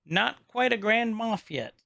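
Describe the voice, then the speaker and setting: A man's voice: high-pitched, lively intonation, a little slow, gravelly, pushed and bright, no echo, clean studio sound. A man co-hosting a podcast, casually recapping a show, rambling, laughing often and stumbling over names. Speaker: podcast co-host. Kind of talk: casual chat recapping an episode.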